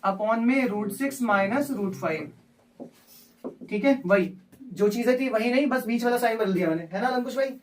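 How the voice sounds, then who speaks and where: A male maths teacher runs a live lesson in a classroom, saying each step out loud and repeatedly quizzing his students. He has a high, expressive voice at normal speed, and the mic is distant.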